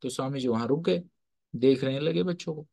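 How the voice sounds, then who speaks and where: A man's voice: medium pitch, brisk, gravelly, warm tone. Man teaching, quizzing listeners. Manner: quizzes listeners with repeated questions; mixes Hindi with English phrases. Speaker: teacher and counsellor. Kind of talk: motivational storytelling lecture.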